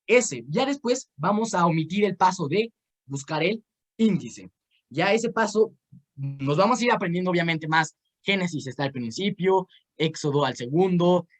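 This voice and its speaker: A young man with a Mexican accent teaching an informal Bible course over a video call. He tells personal stories and gives game instructions in a rambling way, full of fillers and restarts. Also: high-pitched. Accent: Mexican Spanish.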